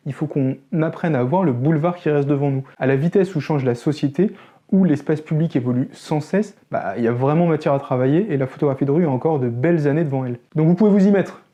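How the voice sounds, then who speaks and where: A French man explains photography to his channel's viewers in an easygoing, conversational way. His voice sits slightly high yet sounds warm and mellow. Now and then he makes a wry joke about himself. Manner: explanatory, conversational, self-deprecating asides. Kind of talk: educational talk to camera.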